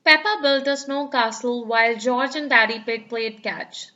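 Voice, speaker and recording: A woman reading a picture book aloud to small children in an animated, deliberate way, on a slightly dull recording. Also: a little high. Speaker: storybook reader. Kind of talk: expressive read-aloud narration for small children.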